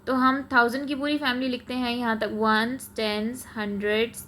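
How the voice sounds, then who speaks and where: A woman's voice: a little high, little pitch movement, unhurried, fairly bright tone, slight background noise. A woman math teacher, explaining a lesson step by step in a patient classroom manner, mixing English terms in. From Pakistan.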